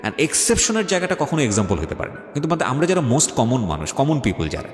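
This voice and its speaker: A Bangladeshi-accented man hosts a radio talk show, giving fast, insistent, argumentative advice sprinkled with English. His mid-range voice swings widely in pitch, recorded with a little hiss or hum, echoey hall reverb, and faint background music.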